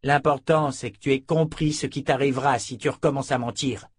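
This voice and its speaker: A man's voice: medium pitch, fairly even intonation, brisk, husky, dry recording, studio quality, pitched above the performer's own voice, lightly acted. Guy playing a nasty bullying henchman, cold and scornful, bossy, storybook reading. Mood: menacing. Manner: menacing, scornful, commanding. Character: brutal, contemptuous male henchman. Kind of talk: audiobook character voice.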